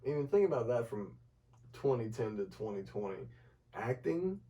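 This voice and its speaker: A man's voice: medium pitch, big pitch swings, moderate pace, warm tone, far from the mic. A young man co-hosting a podcast, talking in a laid-back, opinionated way and swearing casually. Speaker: podcast co-host. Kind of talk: casual chat.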